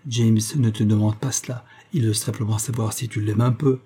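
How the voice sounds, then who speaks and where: A man reading aloud, voicing a mocking, lively young woman with a teasing, sharp tongue. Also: on the low side, normal speed, slightly rough. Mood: impatient.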